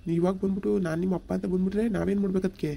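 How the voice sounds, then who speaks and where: A protective young village son, as a man acts him out, talking fast. His voice is high and very mellow. He talks back sharply. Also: little pitch movement, vocal fry. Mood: defiant. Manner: quick, defiant, protective.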